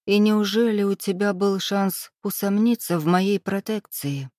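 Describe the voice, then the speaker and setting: A woman's voice: mid-range voice, measured pace, dark tone, no room sound, studio quality, close to an everyday voice. A woman reading the lines of a stern, scheming middle-aged club owner in an audiobook, with a cool, mocking, weary manner. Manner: mocking, weary, coolly menacing.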